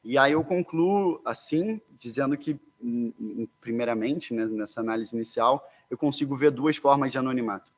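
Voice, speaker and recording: A man's voice: medium pitch, normal speed, few pauses. A man with a Brazilian Portuguese accent presents an academic paper. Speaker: conference speaker.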